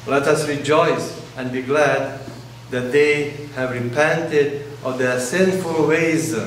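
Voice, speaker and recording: Speaking in slow, halting phrases, a priest in his forties whose first language is Russian preaches with a fairly high pitch. The recording, made by a faraway camera in a large church, is very echoey with slight background noise.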